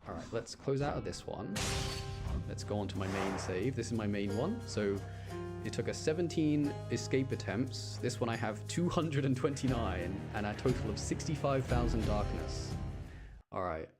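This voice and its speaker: With video game music in the background, this livestreamer thinks aloud in relaxed gaming commentary. He speaks at a normal pace in a lowish, expressive voice.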